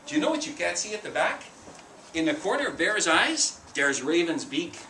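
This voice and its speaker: A man's voice: high-pitched, normal speed, a little hiss or hum. A man, an author and storyteller, reading his picture book to a group of children in a school room, asking them questions as he goes. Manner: animated, talks to the children, asks questions. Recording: roomy, distant mic.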